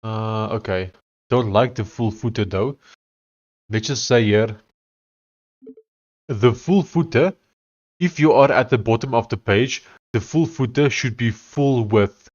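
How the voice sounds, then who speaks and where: A man's voice: mid-range voice, unhurried, long pauses, darkish tone, muffled recording. A man with an Afrikaans South African accent and a blocked nose, chatting casually on a livestream as he works. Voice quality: congested, blocked-nose sound. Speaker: live streamer. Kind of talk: casual livestream chat while coding.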